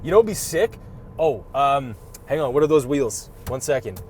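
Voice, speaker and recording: Animated teasing male car reviewer. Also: medium pitch, moderate pace, slight background noise. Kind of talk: casual banter.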